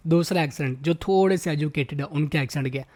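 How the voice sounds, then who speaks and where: A man's voice: on the high side, fairly quick, a little mellow, no room sound. A man hosting a roast video, mocking and insulting in a ranting tone. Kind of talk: roast commentary.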